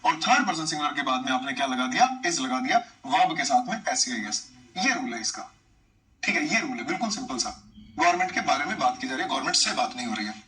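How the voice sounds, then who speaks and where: A man's voice: medium pitch, expressive, fast, sharp tone, far from the mic, low-quality recording. A man teaching English grammar, chatty, repeating points and quizzing his students. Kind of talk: live online class, explaining in Hindi.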